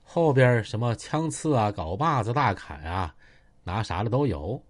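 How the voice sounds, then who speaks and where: A man's voice: on the low side, expressive, unhurried. A man narrating a story in a chatty, vivid colloquial manner, with asides to the listener.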